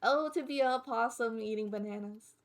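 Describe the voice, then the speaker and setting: With background music playing behind her, a woman streamer offers casual reaction commentary in a cute, gushing anime-streamer style. Her voice is on the high side and fairly quick.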